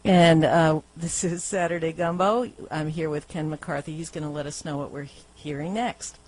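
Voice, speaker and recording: A woman's voice: sits low, fairly even intonation, normal speed, darkish tone, rough recording. A woman hosting a radio music show, talking in an upbeat, casual way with fillers and station plugs. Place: radio studio.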